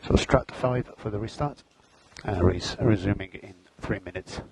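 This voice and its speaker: A man's voice: fairly low pitch, normal speed, vocal fry, slightly rough. A man working as a race engineer, giving terse spotter-style calls to a driver over team radio, repeating key instructions. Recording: noisy team radio with vehicle noise.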